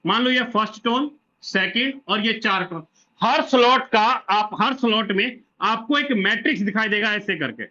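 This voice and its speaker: A man's voice: high-pitched, moderate pace, bright, forceful tone. A man explaining a plan step by step at a whiteboard, repeating himself and answering his own questions, on a dull lo-fi recording. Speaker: presenter explaining a referral plan.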